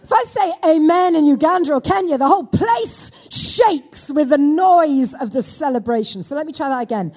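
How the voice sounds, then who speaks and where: A woman's voice: sits high, animated, moderate pace, few pauses, darkish tone. A woman preacher speaking into a pulpit microphone in a church, delivering a sermon and calling out for amens from the congregation.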